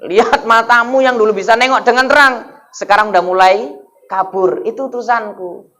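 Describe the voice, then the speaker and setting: A preacher voicing a calm, patient male angel of death. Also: very high-pitched, normal speed. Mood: solemn.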